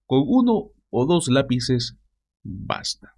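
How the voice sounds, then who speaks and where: A man's voice: mid-range voice, big pitch swings, slow pace, creaky, a little mellow. A man hosting a news commentary show, talking straight to his viewers with mocking asides.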